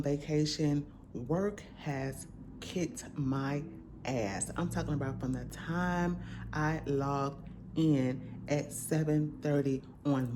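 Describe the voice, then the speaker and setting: A woman hosting her vlog from home in a relaxed, chatty, slangy way, still in her groggy morning voice. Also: low voice, background noise. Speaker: vlogger host. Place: at home, indoors.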